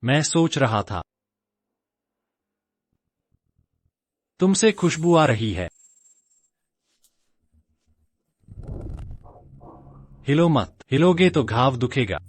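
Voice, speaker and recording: A man's voice: medium pitch, very animated, normal speed. A man voicing a cowardly, cheeky young disciple in a dubbed fantasy drama, jittery and stammering when scared. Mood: teasing. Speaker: sect disciple.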